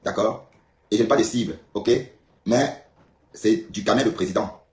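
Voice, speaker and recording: A man's voice: fairly low pitch, moderate pace, a little mellow. A man from Cameroon blogging on a live stream, talking casually and emphatically to viewers and repeating his points. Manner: emphatic, repetitive, addresses viewers directly. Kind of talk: casual live-stream talk replying to comments. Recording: echoey room, faint background ambience.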